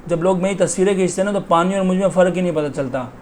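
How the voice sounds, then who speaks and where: A man's voice: high-pitched, rapid-fire, darkish tone, slight background noise, close to an everyday voice. A man voicing a lonely male swan who complains wearily about his life. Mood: weary.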